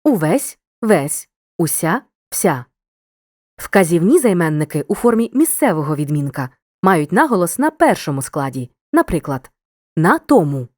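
A woman narrating a scripted grammar lesson in a clear, measured, instructive way. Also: fairly low pitch, very animated, no room sound, studio quality.

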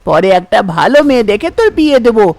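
Woman doing a shrill scolding mother. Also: very animated, fast, a little mellow, dry recording. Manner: scolding, exasperated. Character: scolding middle-aged village mother.

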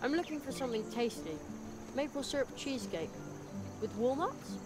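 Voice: high voice, expressive, normal speed. An actor voicing a polite, curious young boy adventurer in a video game, making mild, musing remarks. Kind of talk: video game character acting. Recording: loud music behind the voice.

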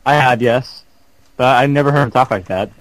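A man's voice: mid-range voice, moderate pace. A man joining as a guest player, wisecracking in casual gameplay banter.

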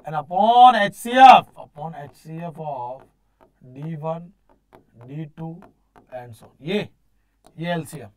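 A man with a North Indian accent gives a classroom lecture in a high-pitched voice. He repeats key phrases with emphasis and often puts questions aloud before answering them himself. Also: measured pace, long pauses, a little hiss or hum. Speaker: teacher of exam-prep engineering course. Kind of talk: classroom lecture mixing English with Hindi. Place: indoor teaching studio at a digital board.

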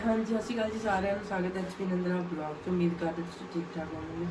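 A woman's voice: fairly low pitch, flat delivery, racing. A middle-aged woman with an Indian Punjabi accent chatting casually and colloquially as she vlogs while cooking at home. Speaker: family vlogger, mother. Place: home kitchen. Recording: clearly noisy home recording with clicks.

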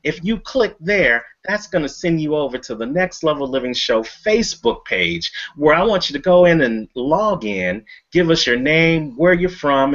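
A man's voice: fairly high pitch, fairly bright tone. A middle-aged American man hosting a motivational show, emphatic and building his phrases by repetition. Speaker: talk show host and coach. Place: indoor room beside banner. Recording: dull lo-fi webcast.

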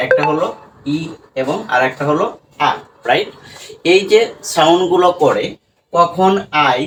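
A fairly high-pitched man teaches English pronunciation, asking a question, answering it himself and tagging it with "right?". He sounds set back from the microphone, with a faint hiss of background noise. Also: a bit bright. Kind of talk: classroom-style spoken lesson. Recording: distant mic with faint room noise.

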